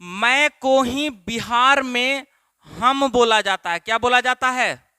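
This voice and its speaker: A Bihar native with a Bihari Hindi accent drills his spoken English class through repeated questioning in a classroom lesson. His very high voice is slow, pushed, bright, clear, and resonant, with no room sound.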